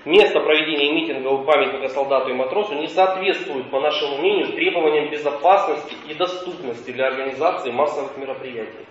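A man making a formal, legalistic argument as a claimant's representative in court, recorded on a dictaphone. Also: a little high. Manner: formal, legalistic, deliberate phrasing. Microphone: dictaphone far from the speaker. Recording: muffled echoey courtroom dictaphone, distant, faint noise.

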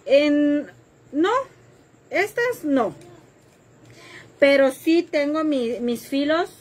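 A woman's voice: sits high, expressive, extremely slow, darkish tone. A woman hosting a live craft tutorial, chatting with viewers and joking about herself while she cuts. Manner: chatty and self-deprecating, reads viewer comments while working.

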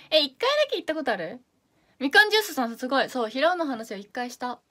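Speaking quickly in a high voice with big pitch swings, this young Fukuoka woman chats on her idol livestream in a Hakata accent. She reads viewer comments with bubbly energy and slips into quiet asides now and then.

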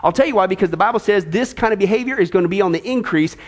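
A male pastor with a very high voice, preaching with lots of emphasis and rhetorical questions. His delivery turns sarcastic and punchy as he presses his points. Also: rapid-fire. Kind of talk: sermon on prophecy.

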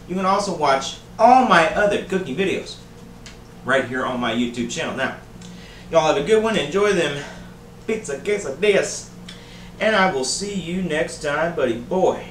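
His voice a little high, fairly bright and expressive, this thirtysomething man talks at normal speed while hosting a casual cooking show at home. He's playful, calling viewers baby and buddy. Captured by a camera mic a few feet away, the roomy kitchen has music behind it and slight background noise.

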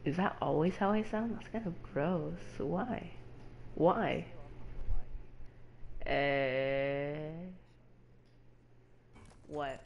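A man's voice: on the high side, drawn-out words, pauses often, a little hiss or hum. A man hosting his own game stream, talking aloud in a scattered way as he works through settings and menus. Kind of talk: casual gaming chat.

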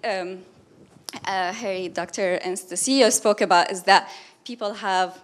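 A woman's voice: medium pitch, steady tone, unhurried. A young woman from Syria, a graduate student, asking a long, hesitant question from the audience at a panel talk, with many fillers. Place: lecture hall audience.

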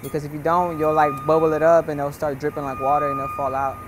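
A man's voice: a little high, level tone, quick pace, background noise. A young man giving a casual, rambling welding lesson, full of "you know" and "like". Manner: laid-back, rambling, many fillers like "you know" and "like". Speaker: welding instructor. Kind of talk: casual instructional voice-over.

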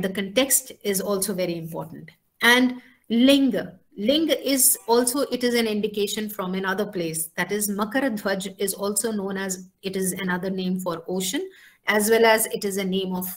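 A woman gives an academic philosophy lecture, pausing often with fillers. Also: mid-range voice, fairly bright tone. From India. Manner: frequent hesitations with "uh" and "you know".

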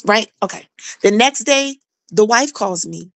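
A woman's voice: medium pitch, lively intonation, unhurried, a bit bright, dry recording. A middle-aged woman tells her own story in casual chat. She talks animatedly, acting out quoted dialogue and repeating phrases for emphasis. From South Carolina, US.

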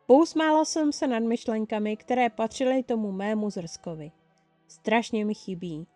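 A woman reading a fan story aloud in the first person, telling it in a lively way. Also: fairly high pitch, soft background music. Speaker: fan-fiction reader.

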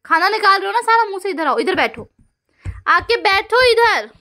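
Young mum, casual home vlog: playful mock scolding of her baby, very lively swooping pitch. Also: quick pace. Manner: sing-song teasing coaxing. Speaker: mother filming her baby.

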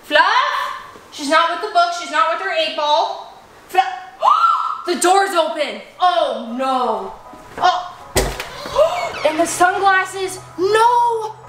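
A woman vlogger acting out a playful pretend-play story with her toy llamas, animated and full of gasps and exclamations. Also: very high-pitched, takes it slowly, slight background noise. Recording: echoey room with music behind.

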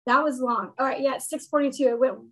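High-voiced woman teaching casually on a video call. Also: fast talker, low-quality recording. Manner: relaxed, explanatory, joking. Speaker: witchcraft teacher hosting a meetup. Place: home room.

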